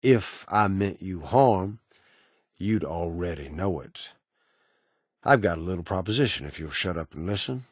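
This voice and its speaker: An actor playing a cynical, menacing ghoul bounty broker in a video game, with an American Southern accent and a sardonic drawl full of cowboy slang. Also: male voice, sits low, expressive, a little slow, husky, dry recording, studio quality, heavily acted. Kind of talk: video game character dialogue.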